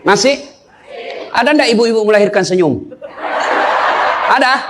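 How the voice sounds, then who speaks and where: A man's voice: sits high, a little slow, noisy background. A middle-aged male Islamic preacher who gives a humorous sermon, joking and calling out to his audience. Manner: joking, animated, calls out to the audience.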